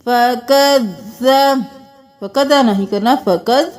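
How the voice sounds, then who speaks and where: High-voiced woman teaching slow chanted recitation. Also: a little mellow, soft background music. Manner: slow melodic chanting of verses, then quick plain explanation. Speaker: Quran tajweed teacher. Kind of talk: word-by-word recitation lesson.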